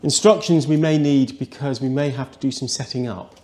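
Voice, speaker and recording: A man's voice: mid-range voice, steady tone, normal speed, a little mellow. A man, chatting politely and thinking aloud as he works on equipment at home. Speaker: video channel host. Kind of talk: casual hands-on vlog chat. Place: indoor home rooms.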